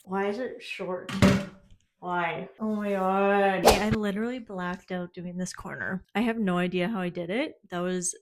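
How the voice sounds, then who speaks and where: A young woman vlogs her DIY bathroom renovation on her phone camera, chatting in a flustered, self-mocking way as she works. Her medium-pitched voice stays fairly even at a moderate pace. The echoey bathroom adds faint clicks, and there's heavy background noise.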